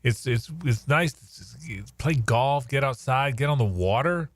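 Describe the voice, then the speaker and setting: A man's voice: medium pitch, lively intonation, normal speed, no echo, clean studio sound. An American man hosting casual sports radio talk, often repeating his words and phrases.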